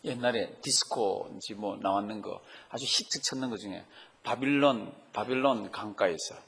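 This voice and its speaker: Husky-voiced pastor in a reverberant hall. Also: male voice, on the low side, moderate pace, a bit bright. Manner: asks the congregation frequent questions. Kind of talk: Bible teaching sermon.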